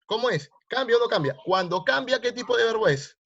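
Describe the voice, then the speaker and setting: A man's voice: extremely high pitch, expressive, a little fast, vocal fry, a crowd in the background. A male teacher, teaching grammar online and quizzing his students with repeated questions. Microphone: video call. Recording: lo-fi online class audio.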